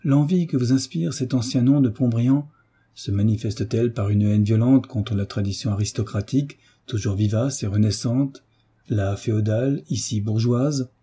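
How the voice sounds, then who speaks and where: A man's voice: medium pitch, moderate pace, warm tone, slightly rough. A man reading the part of David, a fervent, idealistic male tutor, speaking in an impassioned, oratorical way in an audiobook. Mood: rousing.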